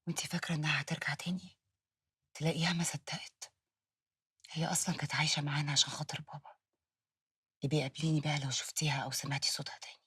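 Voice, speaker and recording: A woman's voice: low-pitched, flat delivery, very fast, long pauses, sharp tone. An actress playing a bitter, dismissive young woman with an Egyptian accent.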